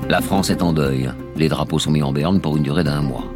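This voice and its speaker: A man's voice: rumbling low, brisk. A man narrating a scripted radio documentary as a dramatic story, with emphatic phrasing. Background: music.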